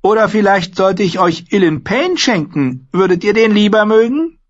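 A man voicing a cruel, gloating boy king in an audiobook, taunting in a shrill, raised voice. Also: lively intonation, normal speed, lo-fi sound. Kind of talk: audiobook character voice.

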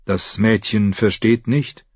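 A man voicing a calm, mysterious foreign assassin in an audiobook, speaking slowly and formally about himself in the third person. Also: lowish voice, slightly rough, no echo, muffled recording. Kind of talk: audiobook character voice.

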